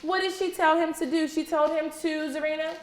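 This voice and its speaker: Her voice is high-pitched with fairly even intonation and a slightly fast delivery as this preschool teacher reads interactively to young children. She patiently asks questions and repeats what they say, in an echoey indoor classroom with faint background noise.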